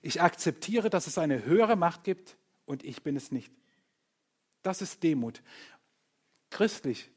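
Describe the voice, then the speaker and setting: A man preaching a sermon to a congregation, lively and playful, acting out other people's voices and joking with the listeners. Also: on the high side. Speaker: pastor.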